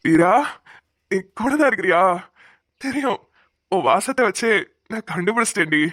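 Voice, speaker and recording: A woman voicing an injured village husband lying in a hospital bed in a Tamil cartoon, speaking gently and affectionately. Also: medium pitch, expressive, normal speed. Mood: tender.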